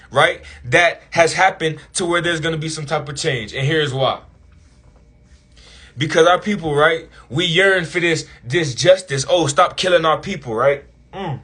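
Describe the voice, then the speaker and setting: A man's voice: a little high, pushed and bright, breathy edge. A man delivering an impassioned monologue to his viewers, preaching and firing rhetorical questions at them. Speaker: commentator.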